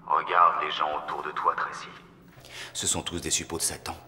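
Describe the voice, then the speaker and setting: A very deep, menacing messianic villain. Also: male voice, level tone, bright, forceful tone, reverberant, big-room sound, a little hiss or hum, full character voice. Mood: menacing, preaching. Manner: preaching, grandiloquent, slow menace. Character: menacing messianic male villain, calmly preaching, obsessed with his ex-fiancée. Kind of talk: dubbed film drama monologue.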